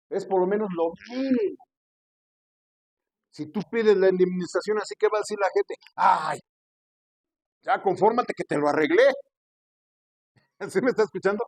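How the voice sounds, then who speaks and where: A man's voice: a little mellow, no echo, rough recording. A male pastor preaching a sermon, asking rhetorical questions, adding "¿verdad?" after phrases and calling his listeners brother. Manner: slows and rises in pitch on key scripture phrases.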